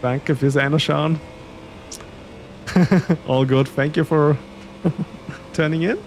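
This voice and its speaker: Extremely slow and steady in tone, this man's fairly high voice comes through with slight background noise. He is a German native speaker from Austria with an Austrian German accent, a sim racing streamer who chats casually with viewers and chuckles a lot.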